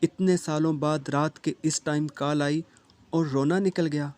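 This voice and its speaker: A man narrating an emotional first-person love story with a steady, even delivery. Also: on the high side.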